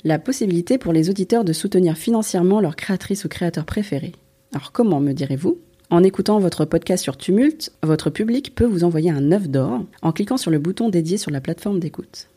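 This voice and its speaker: A woman's voice: on the low side, dark tone, slightly rough. A woman presenting a monthly news column on podcasting, reading a script with a lightly wry touch.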